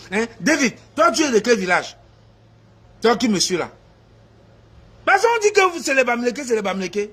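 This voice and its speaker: A man, talking to his supporters in a casual live video, animated and laughing, slipping into Pidgin English. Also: high voice, slightly rough. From Cameroon. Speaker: activist addressing supporters.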